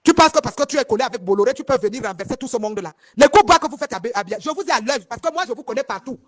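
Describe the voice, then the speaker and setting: Fast, heated woman. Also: a little high, lively intonation. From northern Cameroon. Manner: emphatic and rambling, with many repeated words and restarts; speaks straight to her audience and asks if they follow. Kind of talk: heated first-person testimony to viewers.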